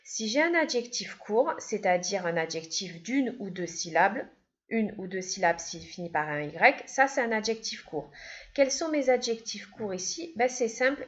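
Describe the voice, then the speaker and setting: A woman teaching an English grammar lesson, patiently repeating each step. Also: a little high. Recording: dull, lo-fi sound.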